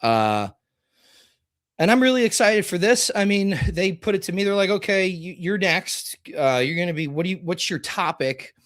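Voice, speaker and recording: A man co-hosting a casual podcast roundtable, talking in a rambling, animated way, laughing often and swearing freely. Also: sits high, normal speed, no room sound, clean studio sound. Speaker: podcast co-host presenting this month.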